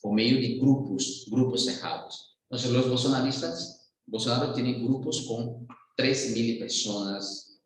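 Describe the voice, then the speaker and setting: A Brazilian man, a native Portuguese speaker, giving a political analysis in halting Spanish mixed with Portuguese, searching for words. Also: lowish voice. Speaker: guest speaker. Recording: very echoey room.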